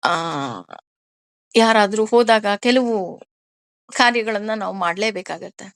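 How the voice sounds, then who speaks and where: A woman's voice: mid-range voice, unhurried, no room sound. A woman explaining Sanskrit scripture verse by verse, with everyday examples and frequent questions to her listeners. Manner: lively, asks listeners questions. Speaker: spiritual teacher. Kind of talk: discourse on scripture.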